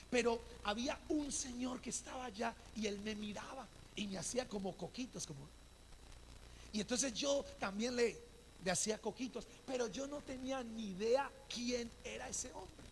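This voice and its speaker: A middle-aged man delivers a sermon from the pulpit. His voice sits very high and carries a gravelly rasp. He tells his story by acting out each person he quotes. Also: moderate pace, a little hiss or hum. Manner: storytelling, acts out the people he quotes. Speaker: pastor. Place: church.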